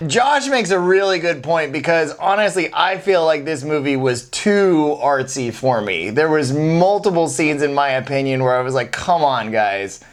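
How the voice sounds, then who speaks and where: Casting: male co-host, slightly high voice, informal opinion-sharing, softens his judgments as he goes. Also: lively intonation, moderate pace, hardly any pauses. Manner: conversational, hedging opinions. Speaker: film review show co-host. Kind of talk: casual film review chat.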